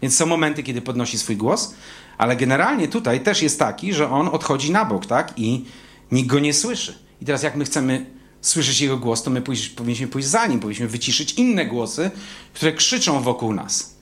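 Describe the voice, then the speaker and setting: A man preaching a sermon in an animated, emphatic way, stretching out key words. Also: mid-range voice, moderate pace.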